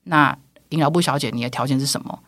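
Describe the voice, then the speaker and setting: A woman's voice: extremely low pitch, fast, a bit bright, dry recording, clean studio sound, voice pushed down, exaggerated voice. A woman voicing a pushy older male company chairman who talks in a coaxing, boastful way. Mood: defeated.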